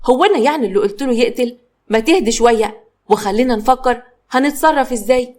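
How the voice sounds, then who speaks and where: A woman's voice: fairly high pitch, fast talker, a little mellow, natural voice. A woman voicing a weary older mother-in-law with an Egyptian accent, defensive and tired.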